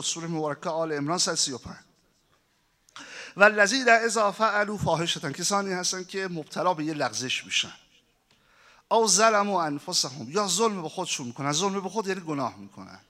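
A man's voice: high voice, hardly any pauses. A male preacher giving a sermon, telling stories and acting out their dialogue. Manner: animated storyteller who acts out dialogue. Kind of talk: sermon with storytelling.

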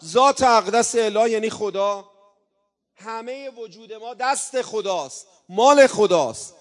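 A man preaching a religious sermon, coaxing his audience and breaking into chanted invocations, with sudden swings between loud and soft. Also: high voice, big-room sound. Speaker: religious speaker. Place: religious gathering hall.

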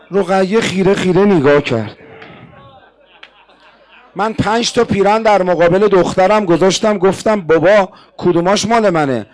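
A male preacher narrating a mourning sermon with emotion, addressing the audience directly. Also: high-pitched.

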